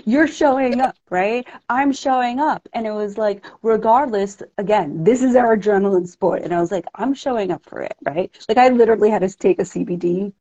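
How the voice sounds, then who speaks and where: A woman's voice: medium pitch, a little fast, few pauses, warm tone, dull audio. A woman from the East Coast with a New York accent, chatting casually on a podcast. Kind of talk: casual chat.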